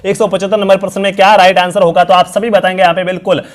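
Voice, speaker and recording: Very fast and flat in delivery, a high-pitched young man leads an online exam-prep quiz class live. Illness and long stretches of speaking have left his voice strained and worn, but he stays upbeat, quizzing students repeatedly and filling gaps with fillers.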